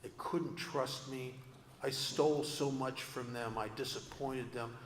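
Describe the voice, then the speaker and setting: A man's voice: mid-range voice, fairly even intonation, a little slow, a little hiss or hum. A man giving a personal recovery talk to an audience, earnest and confessional with self-deprecating humor. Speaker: speaker at a recovery convention. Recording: echoey hall with long reverb.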